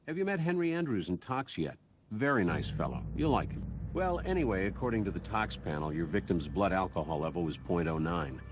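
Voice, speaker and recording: An actor playing a genial, chatty medical examiner in a video game, with dry humor about gruesome findings. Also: male voice, sits low, sing-song, a little fast, slight background noise. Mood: genial, wry. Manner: chatty, dryly humorous, matter-of-fact about gruesome details. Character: genial, wry male medical examiner in a morgue. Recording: game dialogue with clear music underneath.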